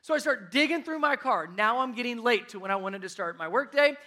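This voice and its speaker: A man in his thirties preaching a sermon, telling stories with animated swings in his voice. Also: very high voice, brisk. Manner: animated storytelling, voice rising when worked up. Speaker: pastor.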